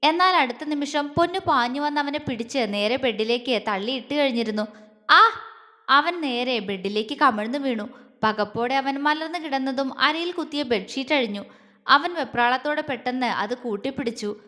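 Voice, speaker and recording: Narrator: woman storyteller, high voice, expressive romance reading, long reverb. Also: normal speed.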